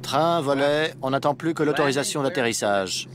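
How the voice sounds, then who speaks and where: A man's voice: medium pitch, normal speed, noisy background. A man playing an airline pilot giving clipped callouts in the cockpit, his voice a little distant like over the cockpit radio. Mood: focused. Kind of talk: dubbed documentary reenactment.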